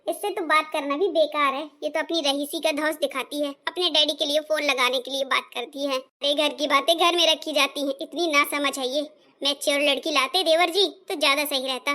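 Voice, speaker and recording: A woman's voice: high voice, moderate pace, sharp tone. A woman playing a sensible elder daughter-in-law in a comedy skit, earnest and reproachful.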